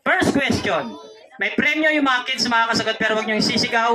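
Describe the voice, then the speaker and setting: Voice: mid-range voice, fairly quick, far from the mic. A puppet show host at a children's birthday party, coaxing the puppet along and giving the kids instructions. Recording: loud crowd and heavy noise.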